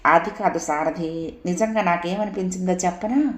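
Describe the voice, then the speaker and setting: A woman voicing a dreamy, gently amused young man in a spoken story, recorded in an echoey room. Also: on the low side, normal speed, close to an everyday voice.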